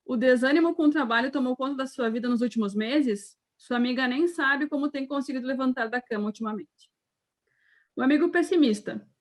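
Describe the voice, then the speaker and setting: A woman's voice: high voice, brisk. A woman of thirty from Rio Grande do Sul, co-hosting a podcast with an upbeat delivery, chatting and reading scripted parts. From Rio Grande do Sul, Brazil. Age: 30s. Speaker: podcast co-host.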